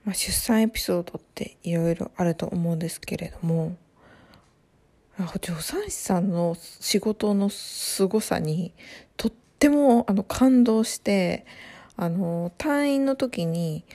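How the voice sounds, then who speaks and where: A woman talks casually to her viewers in a mellow, warm voice at an ordinary middle pitch. Her delivery is soft and rambling, with long run-on sentences full of fillers and pauses. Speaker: vlogger and new mother. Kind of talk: casual chat to camera.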